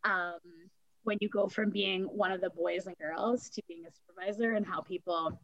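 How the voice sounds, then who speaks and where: A woman's voice: mid-range voice, steady tone, moderate pace, a bit bright, no room sound, highs cut off. A woman in her forties from Canada, a guest telling stories in a casual interview, chatty and laughing often. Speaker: guest, fitness testing company and former corrections supervisor.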